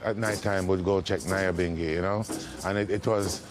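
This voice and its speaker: A man reminiscing in an interview, halting as he searches for words. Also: low-pitched, fairly even intonation, music in the background.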